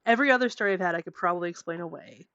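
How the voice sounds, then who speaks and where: A young adult woman co-hosting a podcast, telling a spooky personal story in a casual, animated way with lots of "like" and swearing. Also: fairly low pitch, rapid-fire, no room sound. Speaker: podcast co-host. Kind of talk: casual chat. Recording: dry, dull lo-fi podcast audio.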